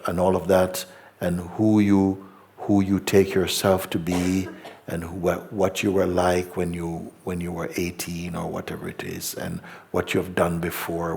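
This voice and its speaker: A middle-aged man, a spiritual teacher, gently and slowly guiding a meditation talk in a hall before a live audience. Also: low-pitched, vocal fry. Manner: slow, gentle, repetitive, hesitant.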